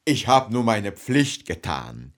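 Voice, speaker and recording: Man playing a low, swooping dutiful captain. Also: very animated, takes it slowly. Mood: modest, dutiful. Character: dutiful, modest male ship captain. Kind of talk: repetitive stylized dramatic performance.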